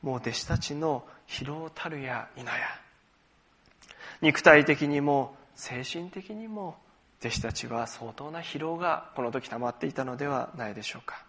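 A pastor preaching a sermon, explaining scripture step by step and leading the congregation in reading it aloud, with touches of gentle self-deprecating humor. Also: male voice, mid-range voice, unhurried.

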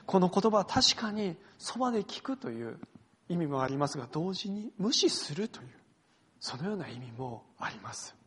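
Husky-voiced male pastor preaching earnestly. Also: high-pitched. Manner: earnest, swings between loud emphasis and hushed phrases; addresses the congregation directly, invites reading along. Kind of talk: sermon.

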